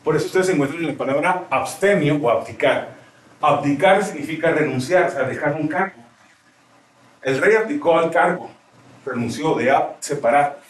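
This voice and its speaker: A man's voice: on the high side, normal speed. A male teacher explaining grammar in a classroom, often checking with his students as he goes. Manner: explanatory, asks frequent checking questions. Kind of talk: classroom lecture. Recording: roomy classroom, mic far off.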